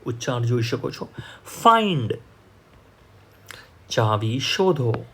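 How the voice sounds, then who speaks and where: A man with a Gujarati accent teaching English vocabulary, slowly repeating each word and example sentence. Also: medium pitch, big pitch swings, fairly bright tone, slight background noise.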